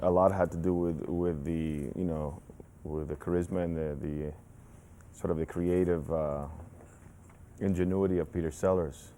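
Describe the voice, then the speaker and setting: A deep, mellow male voice talks thoughtfully and haltingly in a junket interview. Faint hum is underneath. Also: fairly even intonation. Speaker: actor interviewed about a film.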